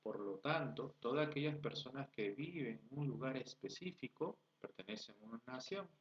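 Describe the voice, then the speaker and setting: This online lecture comes from a man from Peru whose Peruvian Spanish accent is clear. His voice is medium in pitch and moves at a moderate pace as he walks students through the material step by step, asking rhetorical questions and making sure they follow. The recording is dull and lo-fi.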